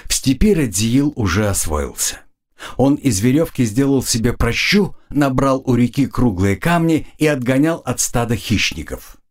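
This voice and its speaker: A man narrating an audiobook in an expressive storytelling manner. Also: medium pitch, moderate pace. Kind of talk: scripted narration.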